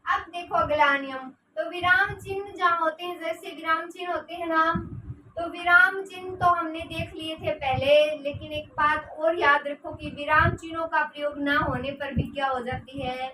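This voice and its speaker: A woman with a high voice teaches a grammar lesson and dictates notes to her class. She keeps asking rhetorical questions and then answering them. The sound is echoey and taken from a distance, with clear background noise. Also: fairly even intonation, moderate pace, bright, forceful tone. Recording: roomy echo, distant mic, noisy.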